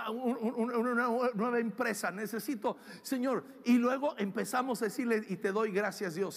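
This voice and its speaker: An older man preaching a sermon, impassioned, swinging from shouting to hushed tones. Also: extremely high pitch, creaky. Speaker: pastor. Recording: long hall reverb.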